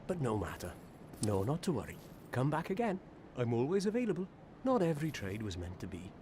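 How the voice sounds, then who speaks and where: A man's voice: mid-range voice, huge pitch swings, fairly quick, darkish tone, slight background noise. An actor playing an affable wandering male merchant who talks politely and chattily. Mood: reassuring.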